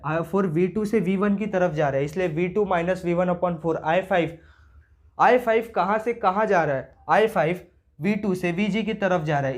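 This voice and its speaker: A man teaching circuit analysis, working through each step casually and asking himself questions as he goes. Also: sits high. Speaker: engineering teacher. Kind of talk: explaining circuit problems on a board.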